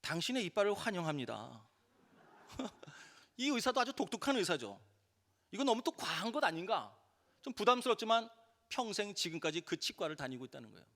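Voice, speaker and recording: A middle-aged man, a pastor, preaching a sermon in an animated way and acting out the voices he quotes. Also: high voice, fairly quick. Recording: reverberant church sanctuary.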